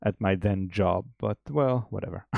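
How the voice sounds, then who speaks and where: A man, an indie game developer, chatting casually on a stream, relaxed and laughing often. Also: medium pitch, moderate pace, no room sound. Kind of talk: casual chat on a dev stream.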